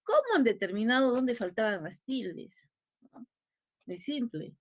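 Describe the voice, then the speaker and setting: A woman's voice: on the high side, lively intonation, a little slow, no echo, clean studio sound. A woman teaching an online class, patiently repeating key points and ending phrases with a questioning tag. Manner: checks in constantly with a rising tag question.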